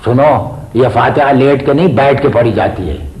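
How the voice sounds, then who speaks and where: A man's voice: mid-range voice, normal speed, roomy sound, muffled recording, lightly acted. A man playing a pompous old poet. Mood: grumbling. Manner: theatrical, exclaiming. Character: aging male poet, pompous, fond of praise. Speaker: actor in a stage play. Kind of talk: comic stage acting.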